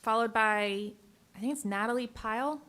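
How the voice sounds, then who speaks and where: Woman chair, fairly high voice, brisk name calls. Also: fairly bright tone. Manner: brisk, announcing names. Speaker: meeting chair calling speakers. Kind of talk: calling names at a meeting.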